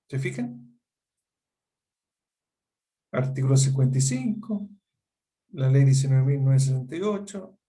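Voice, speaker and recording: A middle-aged man with a Chilean Spanish accent gives a practical law seminar, his voice a touch higher than most men's. He explains step by step and keeps asking the class if they follow. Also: darkish tone. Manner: explanatory, asks students rhetorical check-ins. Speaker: law lecturer. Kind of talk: seminar lecture.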